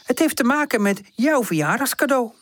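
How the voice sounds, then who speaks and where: A woman's voice: lively intonation, brisk, no room sound, lightly acted. A woman voicing a caring, motherly aunt in a children's storybook. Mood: soothing. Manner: warm exclaiming, raised pitch. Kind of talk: storybook character voice.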